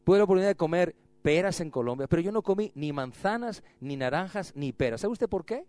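A man who is a pastor, preaching an animated sermon full of stories and calling on the congregation to repeat after him. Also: high voice, brisk, no echo. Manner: animated storytelling with call-and-response to the congregation.

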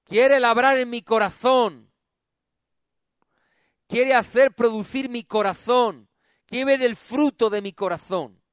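A middle-aged male pastor preaching a sermon, calling on the congregation to repeat after him and swinging between loud and soft. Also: extremely high pitch, slow, long pauses, clear, resonant tone, dry recording, clean studio sound.

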